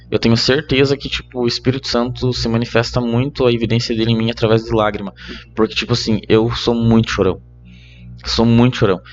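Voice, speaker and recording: This young Brazilian Portuguese speaker is a podcast guest relating a personal story in a relaxed chat, full of energy, laughing between lines and leaning on lots of fillers. His pitch is medium, and the recording has its highs cut off.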